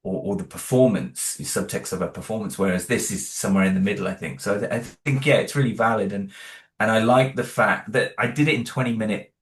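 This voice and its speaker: The creator of an audio drama, a man with a low voice, discusses his creative choices as a guest in a relaxed, casual interview. He is thoughtful and halting, often stopping and restarting sentences and saying "you know." Noticeable echo rings around him.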